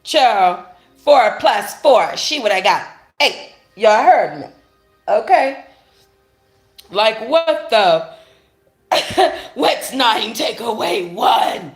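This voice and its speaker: A woman hosting a casual commentary chat, animated and laughing, with loud exclamations. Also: a little high, very slow, long pauses, reverberant, soft background music. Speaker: podcast host.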